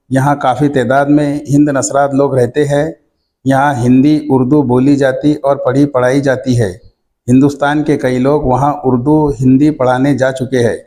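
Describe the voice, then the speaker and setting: A male teacher reading out textbook questions and their answers in a slow, measured dictation manner. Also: mid-range voice, mellow.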